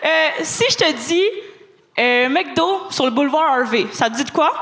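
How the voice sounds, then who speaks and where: A woman's voice: sits high, moderate pace, heavy background noise. A young woman with a Quebec French accent, telling a story as a stand-up comedian on a club stage and acting out the voices in it. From Montreal. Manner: lively storyteller, acts out quoted voices. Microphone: handheld stage mic.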